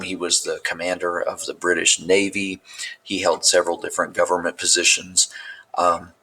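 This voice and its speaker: A man's voice: low-pitched, creaky, breathy edge, rough recording. A male teacher giving a recorded lecture, talking in a loose, meandering way with many fillers and restarts. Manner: relaxed, meandering delivery with frequent fillers and restarts.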